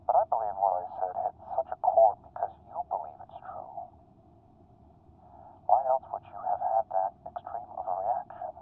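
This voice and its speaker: A gravelly psychopath on the phone. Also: male voice, on the low side, moderate pace. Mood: probing. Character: cold, manipulative male psychopath caller. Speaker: caller. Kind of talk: film drama acting. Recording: tinny phone line with faint noise.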